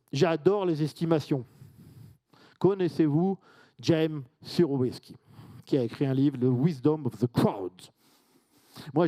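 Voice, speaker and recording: A man's voice: a little high, mellow. Chatty man giving a conference talk. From France. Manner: chatty and informal, with asides and audience questions. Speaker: conference speaker. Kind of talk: conference presentation to a live audience.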